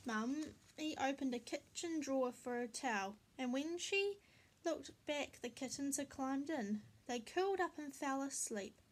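Woman, children's storyteller, reading aloud, high voice, slow and clear. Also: animated, slight background noise. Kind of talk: reading a picture book aloud.

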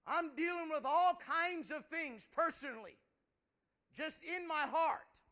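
A man's voice: very high-pitched, unhurried, pushed and bright. A male preacher giving an impassioned sermon in a church, earnest and stammering over repeated words. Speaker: preacher, pastor.

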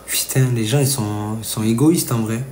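A man's voice: fairly low pitch, normal speed, mellow, soft background music. A man venting to his viewers during a live gaming stream. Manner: agitated, venting, talks straight to viewers. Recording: roomy with faint noise.

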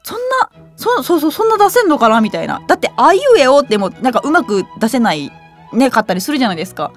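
A young woman hosts a casual radio show in a high, bouncy voice. She reads trivia, then breaks off into giggly, excited comments, with faint music playing behind her. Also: fast talker. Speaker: web radio host. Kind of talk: casual quiz chat and reading aloud.

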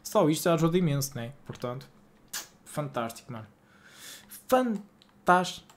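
Live gaming chat from a home streaming room: a young man from Portugal's north, with a Porto accent, trades slangy, exasperated banter with viewers. He speaks at a normal speed in a slightly high, very animated voice.

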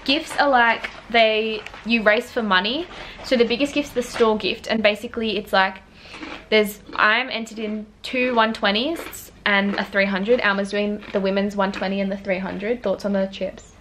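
In a small motel room and at times just outside it, an Australian vlogger and sprinter in her twenties talks to her arm's-length handheld camera in relaxed, slangy speech. Her voice sits at medium pitch, a bit bright, with a steady tone and moderate pace. Background noise runs through the camera audio.

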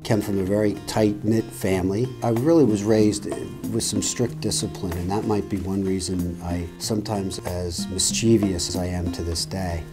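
A middle-aged man in an interview for a wedding video, telling stories in a warm, reflective way. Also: deep voice, steady tone, normal speed, hardly any pauses. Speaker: groom. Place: small office, indoors. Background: soft guitar music.

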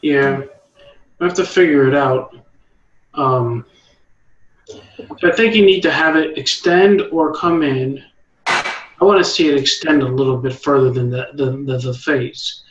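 A man's voice: medium pitch, a little slow, pauses often, roomy sound, lo-fi sound. A man leading an art meetup, giving encouraging critique and often restarting his sentences. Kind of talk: art critique, casual coaching.

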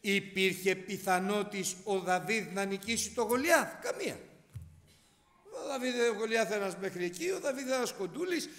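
A male preacher delivers a sermon with rhetorical questions and repeated phrases. His voice is high and swings widely in pitch. A long reverb trails behind it in the church hall. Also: expressive, a bit bright.

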